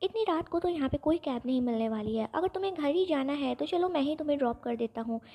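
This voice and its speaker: Woman voicing a bossy short-tempered young man, pushy and scolding, high mellow voice, storybook audio drama. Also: animated, quick pace. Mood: insistent. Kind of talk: storybook dialogue reading.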